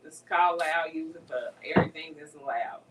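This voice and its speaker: A woman's voice: low-pitched, moderate pace, echoey room, far from the mic, background noise. A woman chatting on a radio show in an emphatic, playful way. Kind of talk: casual chat.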